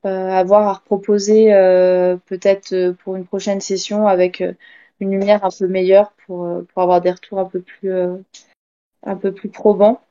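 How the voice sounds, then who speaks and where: A woman's voice: medium pitch, level tone, moderate pace, mellow, lo-fi sound. Hesitant woman giving painting feedback. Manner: hesitant, many fillers, friendly. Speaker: miniature painting reviewer. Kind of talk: casual critique.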